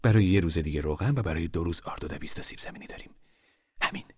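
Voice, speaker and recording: A man voicing a weary, determined poor mother in a novel reading, low and hushed, sometimes forceful. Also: expressive, slightly rough.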